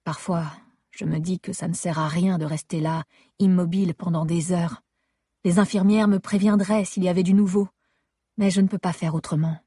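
A woman's voice: lowish voice, steady tone, normal speed, dark tone, breathy edge, no room sound, studio quality. A woman reading a first-person story aloud in a restrained, intimate manner. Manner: intimate, restrained, rising to distressed pleading in dialogue. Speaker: narrator. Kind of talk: first-person audiobook narration.

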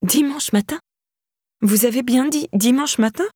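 A frightened young woman pleads her innocence in a raised, strained voice, as a female audiobook reader puts her on. Her words run breathy and husky, tumbling out in panic, and the dry close sound leaves no room around them. It is storybook reading with a lifted pitch. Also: moderate pace, darkish tone, no echo. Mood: shocked. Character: anxious young woman questioned by police.

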